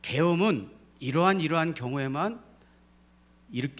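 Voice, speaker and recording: Emphatic man preaching a lively sermon. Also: a little high, normal speed. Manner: call-and-response preaching, rising to emphatic peaks. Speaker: pastor. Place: church sanctuary.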